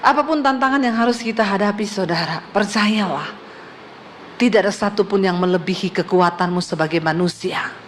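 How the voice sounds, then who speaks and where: A woman's voice: mid-range voice, brisk, slight background noise. A middle-aged woman pastor preaching a sermon, telling stories quoted voices and humor, traces of speech.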